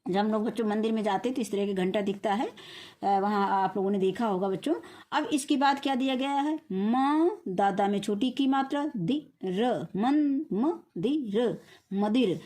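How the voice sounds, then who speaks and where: Her voice is mellow and mid-pitched as this primary school teacher leads a recorded reading lesson for small children. Working slowly through each word one syllable at a time, she asks her own questions and supplies the answers.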